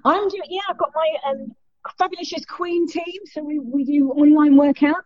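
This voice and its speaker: A middle-aged woman with a South London accent, chatting casually as an interview guest in a halting, self-interrupting way over a muffled remote call. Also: high voice, fairly even intonation. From South London, England. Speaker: fitness instructor, interview guest.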